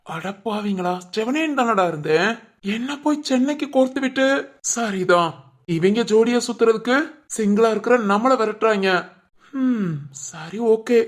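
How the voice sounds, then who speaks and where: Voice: mid-range voice, animated, moderate pace, natural voice. A voice actor playing an exasperated, put-upon single young man in a cartoon, grumbling and sarcastic. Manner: grumbling, sarcastic, mock-dramatic. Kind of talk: cartoon voice acting.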